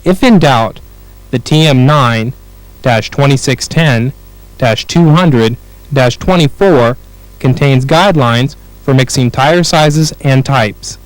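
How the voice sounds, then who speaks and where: This is a rough recording of an American man reading a script of instructional narration for a training film. He speaks clearly and at a measured pace, in a medium pitch, with no room sound.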